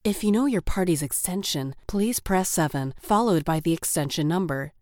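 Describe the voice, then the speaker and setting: Woman's phone menu voice, lively intonation. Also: fairly low pitch, moderate pace, dry recording, clean studio sound. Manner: polite, clearly scripted customer-service delivery. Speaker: phone menu voice-over artist. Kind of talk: scripted phone menu voice, automated greeting.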